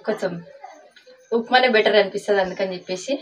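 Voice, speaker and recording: A woman calmly narrating her morning cooking in a home vlog, explaining each step. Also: medium pitch, fast, slight background noise. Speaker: vlogger. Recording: distant mic with faint ambience.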